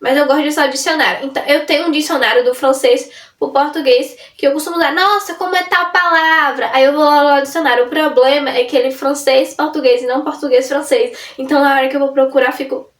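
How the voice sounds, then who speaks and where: A woman's voice: sits high, steady tone, quick pace. A young woman vlogging in a casual, rambling way, often breaking off and restarting her sentences. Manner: rambling, self-interrupting, chatty. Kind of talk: casual chat to camera. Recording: roomy sound from a distance off the mic.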